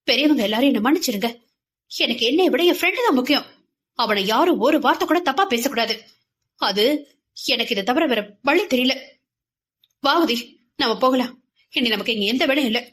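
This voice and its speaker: Female audiobook reader, slightly high pitch, acts out each character's lines briskly and with emphasis. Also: fairly bright tone. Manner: voices every character herself, quick and emphatic in dialogue. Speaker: audio novel narrator. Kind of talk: dramatic audiobook reading.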